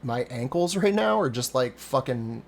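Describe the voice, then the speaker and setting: Gravelly, profane man in his forties. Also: mid-range voice, very animated, normal speed. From Cincinnati area, USA. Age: 40s. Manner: rambling, profane, self-deprecating. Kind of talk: casual chat.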